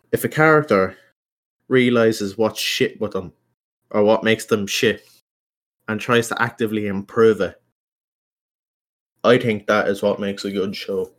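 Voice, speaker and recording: A young man with an Irish accent hosting a casual solo podcast, rambling informally and self-consciously with plenty of swearing. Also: on the low side. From Ireland. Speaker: podcast host.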